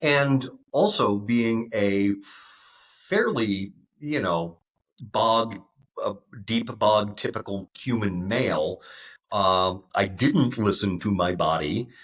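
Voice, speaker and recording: Halting, low-voiced man in his fifties. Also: expressive, a bit bright. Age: 50s. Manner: halting, many fillers and restarts. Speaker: guest. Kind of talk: conversational interview.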